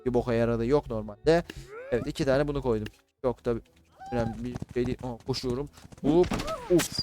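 A man giving casual, excitable commentary on a battle game, swearing and shouting at the units he controls. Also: mid-range voice, a little fast. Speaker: gaming YouTuber. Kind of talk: casual Let's Play commentary.

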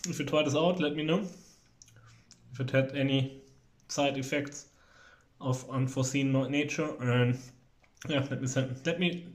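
A man's voice: mid-range voice, fairly even intonation, measured pace, roomy sound. A young man, chatting casually and hesitantly while trying food in a home cooking video. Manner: rambling, hesitant, joking. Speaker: cooking vlogger. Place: home kitchen.

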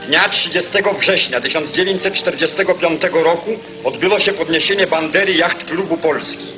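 Old newsreel narrator: a man with a slightly high voice, solemn official read, dull 1940s soundtrack. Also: brisk, music in the background. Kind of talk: formal scripted newsreel narration.

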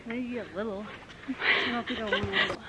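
A young woman chatting with her sisters, grumpy and deadpan in her remarks. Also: fairly high pitch, a little fast, very noisy. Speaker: vlogger's sister. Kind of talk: casual chat.

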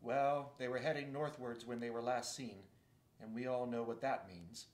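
A folksy, earnest male beaver from a storybook, talking loud and emphatic in a rustic way, as a man reading aloud puts him on. The voice rings a little in a roomy space. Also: mid-range voice, steady tone, normal speed, lightly acted. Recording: roomy echo.

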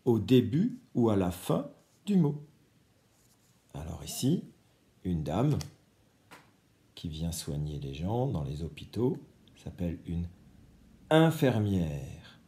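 A man's voice: sits low, mellow. A man teaching a reading lesson to young children, patiently stressing each key word.

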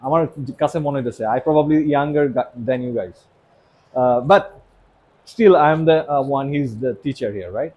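A man's voice: mid-range voice, slow pace, mellow, low-quality recording. A young man from Bangladesh with a Bangladeshi accent, giving a casual motivational English lesson and often asking "right?". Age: young adult. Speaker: English teacher.

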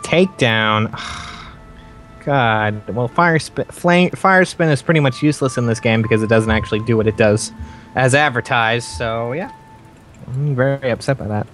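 A man's voice: mid-range voice, measured pace, a bit bright, faint music behind. Joking young man gaming with friends. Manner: joking, sing-song, profane. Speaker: let's play host. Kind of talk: casual gaming chat.

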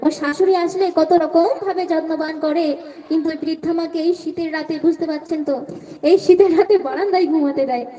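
A woman folk singer arguing to an audience in a live stage debate, speaking and then singing slow verses. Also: very high-pitched, fairly even intonation, mellow. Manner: declaiming to the audience, slipping into slow sung verses. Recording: distant, dull live stage recording.

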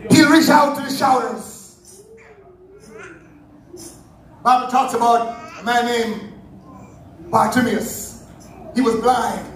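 A man preaching a Sunday sermon, fervent and breaking into shouts. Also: very high-pitched, fairly even intonation, takes it slowly, long pauses, recorded from a distance, slight background noise. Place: church sanctuary. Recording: very echoey church hall, heard from afar.

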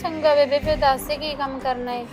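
A young actress playing a gentle, dutiful stepdaughter, speaking softly and pleadingly with a Punjabi accent. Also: female voice, high voice, fairly even intonation, a little fast, soft background music, natural voice. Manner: soft, pleading, obliging.

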